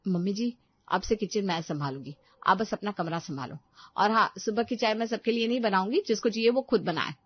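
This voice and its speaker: A woman voicing a bossy, sharp-tongued young daughter-in-law who talks in a scornful, demanding way in a cartoon story. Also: medium pitch, brisk, breathy edge, dull audio, pitched above the performer's own voice, close to an everyday voice.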